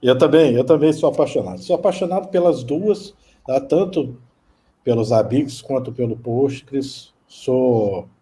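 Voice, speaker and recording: A man's voice: mid-range voice, unhurried, warm tone, slight background noise. A man in his fifties with a Brazilian Portuguese accent, answering interview questions hesitantly and often repeating words. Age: 50s. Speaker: guest.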